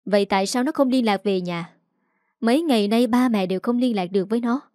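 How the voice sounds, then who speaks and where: A woman voicing a distraught middle-aged mother who pleads and shouts in a raised voice. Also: fairly high pitch, quick pace, no room sound, studio quality, lightly acted. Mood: anxious.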